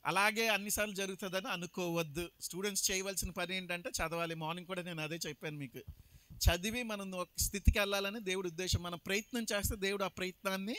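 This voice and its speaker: A man's voice: high-pitched, steady tone, quick pace, a bit bright. A man preaching his testimony as a pastor, emphatic and slipping English phrases into his talk. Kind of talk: sermon testimony.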